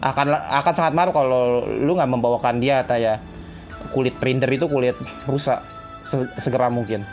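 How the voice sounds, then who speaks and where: A man casually reading and translating game dialogue, halting and correcting himself as he goes. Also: medium pitch, a little mellow. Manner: halting, self-correcting delivery. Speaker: gameplay video host. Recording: dull lo-fi sound, music behind.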